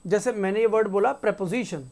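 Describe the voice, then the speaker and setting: Lady teacher going over spelling rules, reads the rules out slow, repeats the words, keeps saying ok?. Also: mid-range voice, a little mellow. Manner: casual, conversational teaching with frequent checks like "theek hai". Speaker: English teacher. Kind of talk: classroom-style explanation.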